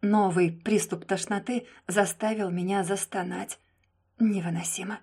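A young woman narrating a first-person audiobook, soft and subdued, often close to a whisper. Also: mid-range voice, steady tone, a little slow, slightly rough.

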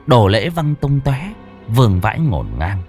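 A man's voice: mid-range voice, sing-song, a little slow, darkish tone. A man narrating a ghost story in a dramatic storytelling manner. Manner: dramatic storytelling with voiced characters. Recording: dry close recording with faint music.

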